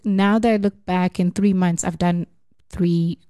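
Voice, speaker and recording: A woman hosting a podcast in casual chat, talking in a chatty, animated way and laughing often. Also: fairly low pitch, a little slow, clean tone, no room sound, clean studio sound. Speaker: podcast host.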